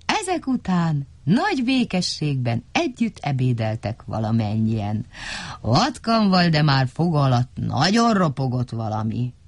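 A woman telling a children's story on a radio broadcast, expressive and switching between many voices. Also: very deep voice, no echo.

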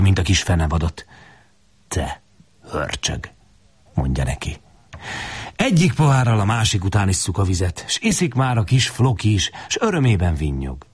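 A man narrating a story in Hungarian... as a dramatic audiobook reading, expressive and dropping to hushed tones in intimate passages. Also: on the low side, husky.

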